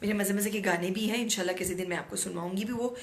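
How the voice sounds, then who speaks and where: A middle-aged woman host with a hoarse throat, talking outspokenly in a casual monologue and mixing in English words. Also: medium pitch, very fast. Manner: outspoken, animated, mixes English words into Urdu. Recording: echoey room, no proper mic.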